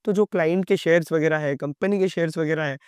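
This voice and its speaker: Young male finance explainer, rapid and casual, a bit hoarse today, close dry sound. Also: on the high side, darkish tone, dry recording. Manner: conversational, addresses viewer directly. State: sore throat. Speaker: stock market educator.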